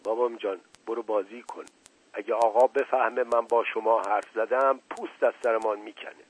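A man reading aloud voices an anxious, folksy male household servant who talks with hushed worry. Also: medium pitch, fairly even intonation, husky, close to an everyday voice, low-quality recording. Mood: worried, folksy. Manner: folksy, worried, speaks in hushed urgency.

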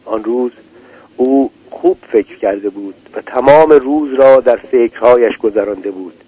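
A man reading a literary story aloud in a measured, deliberate way. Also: mid-range voice, warm tone, husky, no echo, low-quality recording. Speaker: narrator. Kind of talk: literary audiobook narration.

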